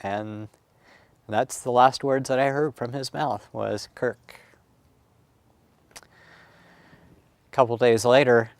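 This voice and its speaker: A middle-aged man recounting childhood memories in a recorded oral history, reflective and halting with many pauses and fillers. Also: fairly low pitch, no echo. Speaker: family history storyteller.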